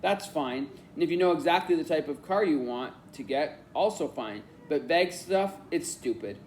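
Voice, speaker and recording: A man reading as an energetic chatty boy. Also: a little high, normal speed, slight background noise, lightly acted. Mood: teasing. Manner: lively, teasing, talkative.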